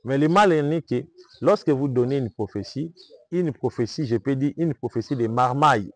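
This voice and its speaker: A man from Kinshasa with a Congolese French accent answers interview questions like a preacher, animated and at normal speed in a medium-pitched voice. Calling himself a prophet, he is emphatic and repetitive, frequently asking "vous comprenez?".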